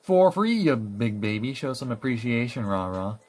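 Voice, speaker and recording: A man's voice: mid-range voice, sing-song, moderate pace, a little hiss or hum, lightly acted. A man reading the lines of a demanding, sarcastic animal villager in a video game, who tacks a catchphrase onto sentences. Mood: pushy.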